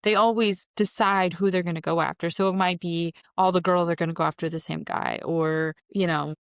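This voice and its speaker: A woman in her thirties co-hosts a podcast, chatting casually and offering blunt opinions. Her lowish voice is steady, brisk, and clean in tone, captured in studio quality with no room sound.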